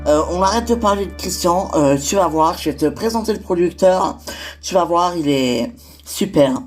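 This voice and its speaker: Woman doing a reassuring friend, low voice. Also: expressive, normal speed, faint music behind, close to an everyday voice. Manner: reassuring, chatty. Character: reassuring female friend and host. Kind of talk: amateur toy-figure drama voicing.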